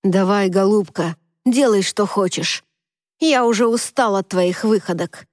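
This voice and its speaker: A forceful young man in a storybook reading, as a woman narrator takes on his lines, speaking low, even and threatening. The voice is mellow and dark, close to the mic in a dry room. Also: measured pace, no room sound, natural voice. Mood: exasperated.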